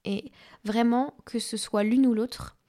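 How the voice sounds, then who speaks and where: A woman's voice: a little high, steady tone, slow pace, warm tone. A woman life coach talking in an enthusiastic, chatty podcast monologue with spiritual wording.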